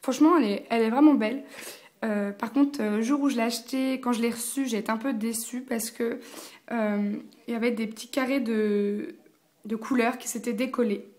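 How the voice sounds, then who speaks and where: A woman's voice: a little high, steady tone, fairly quick, a little mellow. A young woman, chatting casually through a makeup review, full of fillers and slang. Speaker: beauty vlogger.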